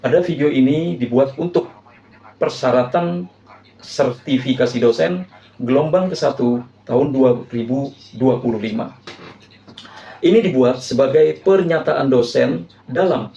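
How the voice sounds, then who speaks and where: A male university lecturer reading a formal course overview, listing points one by one with hesitant filler pauses. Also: medium pitch, gravelly, dark tone, echoey room, muffled recording.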